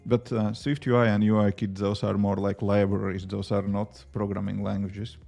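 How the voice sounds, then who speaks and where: This livestreaming app developer, a native Latvian speaker with a Latvian accent, rambles through chat questions while he works, filling gaps with plenty of fillers. His voice sits on the low side, creaky and mellow, with a level tone and moderate pace, over soft background music.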